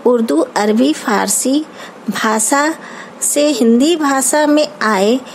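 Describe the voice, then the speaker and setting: A woman teacher with an Indian accent giving an online grammar lesson, explaining terms slowly and carefully, as if dictating. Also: high voice, slight background noise, low-quality recording. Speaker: school teacher.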